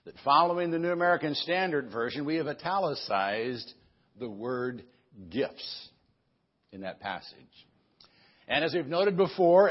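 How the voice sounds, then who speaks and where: A man preaching an expository sermon as a pastor in a careful, unhurried way, phrasing deliberately with pauses, on a dull lo-fi recording. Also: a little high, breathy edge. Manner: careful, unhurried, step-by-step delivery.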